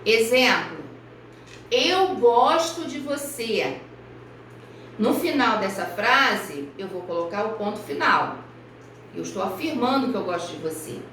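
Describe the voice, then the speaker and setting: A woman primary school teacher from Brazil giving a recorded review lesson for children, speaking slowly and carefully and spelling out each example. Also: medium pitch, lively intonation, pushed and bright, a little hiss or hum. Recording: echoey room, voice far from mic.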